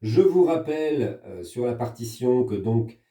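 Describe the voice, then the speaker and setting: Against a noisy background, a man's mid-range voice with lively intonation unfolds at an unhurried pace. He's a French music teacher recording a practice-pad percussion lesson for pupils at home, patiently going step by step and counting the hand patterns out loud. The room echoes, and he sounds far from the mic.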